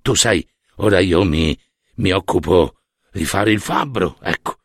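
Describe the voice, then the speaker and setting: Man as a subdued, hesitant blacksmith god, low voice, dry sound. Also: lively intonation, unhurried, dry recording, heavily acted. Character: hoarse lame blacksmith god, shy son.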